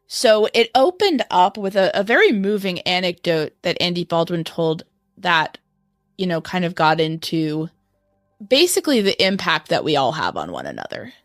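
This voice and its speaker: Low-voiced woman explaining a trial, close and dry. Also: no room sound. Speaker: podcast host. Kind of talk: conversational true-crime trial commentary.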